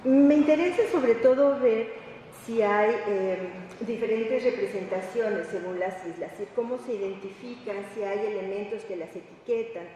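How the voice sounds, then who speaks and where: A woman academic researcher with a Mexican Spanish accent gives a semi-improvised panel talk in an indoor conference room or hall, her medium-pitched, dark voice halting and reflective, with searching pauses and tag questions. The recording is echoey, with a distant mic and faint noise.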